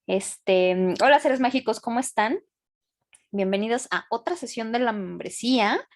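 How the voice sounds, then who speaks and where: A woman's voice: a little high, expressive, measured pace. A young adult woman with a Mexican accent hosting a casual class, talking with enthusiasm and plenty of slang. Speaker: host of a membership session.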